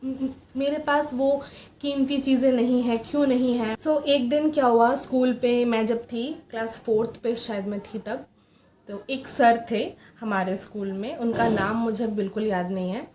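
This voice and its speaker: A young woman vlogging from home, telling a personal story in a soft, hesitant way with many fillers. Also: fairly high pitch, steady tone, unhurried. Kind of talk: personal confessional vlog. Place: room at home. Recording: roomy echo, faint background hiss.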